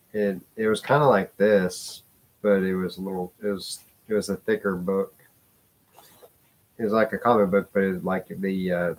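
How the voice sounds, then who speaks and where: Low-voiced man rambling casually. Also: darkish tone. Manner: rambling, hesitant, with many fillers and restarts; swears casually. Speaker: vlogger. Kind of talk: casual rambling vlog talk.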